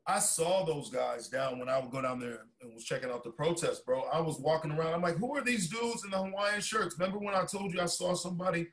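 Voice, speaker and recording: Excitable storytelling man on a call. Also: fairly high pitch, quick pace, few pauses. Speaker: podcast co-host. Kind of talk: casual chat over video call. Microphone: video call.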